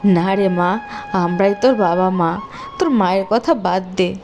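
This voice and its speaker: A woman's voice: medium pitch, unhurried, natural voice. A woman voicing a loving middle-aged village father in a cartoon, who talks tenderly to his daughter and turns stern when he is crossed. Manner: pleading, then stern and threatening. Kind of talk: cartoon voice acting. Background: faint background music.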